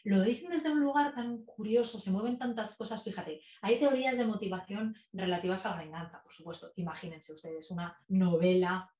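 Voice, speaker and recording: Chatty, expressive woman in an echoey room. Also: mid-range voice, fairly quick, few pauses. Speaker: guest, public speaking expert. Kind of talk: casual conversational interview. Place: in person in a room with the host.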